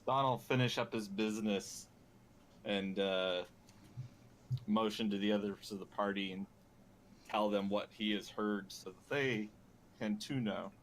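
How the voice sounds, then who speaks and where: A man taking part in a tabletop game, relaxed and casual. His voice sits somewhat low, with a faint hiss behind it. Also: a little slow, pauses often. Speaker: player.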